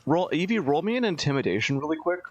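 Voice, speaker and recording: Animated man running a tabletop game. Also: fairly high pitch, quick pace, no echo, muffled recording. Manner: animated, stammering, laughs often. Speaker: game master. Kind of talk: narrating a tabletop game over voice chat.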